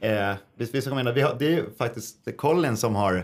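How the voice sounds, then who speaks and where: En manlig poddvärd med medelhög röst pratar lugnt och lite trevande. Han börjar ofta om sina meningar i ett avslappnat samtal. Tonen är vardaglig. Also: male voice, medium pitch. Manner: relaxed, hesitant with restarts. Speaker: podcast host. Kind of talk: casual chat.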